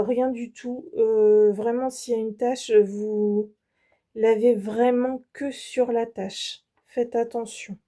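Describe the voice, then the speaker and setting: A French woman hosts her embroidery channel, showing off fabrics in a casual show-and-tell. She speaks hesitantly, with many fillers and restarts, in a fairly high voice with a dark tone.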